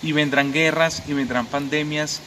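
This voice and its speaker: This young adult Franciscan from Bogotá has a male voice on the high side and a Colombian accent. Outdoors by a church at a convent, he offers calm, reflective preaching with many "eh" pauses, and outdoor background noise is clearly audible.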